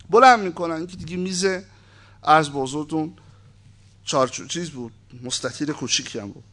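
Man, slightly high voice, informal lecture, reads aloud, wry conversational asides. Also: sharp tone. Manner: conversational, asides and wry humor between read passages. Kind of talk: informal lecture, reading and commenting.

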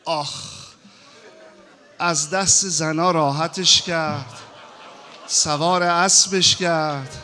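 A male preacher reciting a mourning sermon, lamenting and sighing, moving between hushed grief and loud wailing. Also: on the high side, fairly even intonation, pauses often, slight background noise.

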